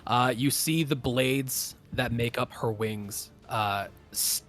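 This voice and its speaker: A man acting as game master for a tabletop game narrates the action casually and thinks aloud in halting phrases. His voice is medium-pitched and a bit bright, with faint music behind him.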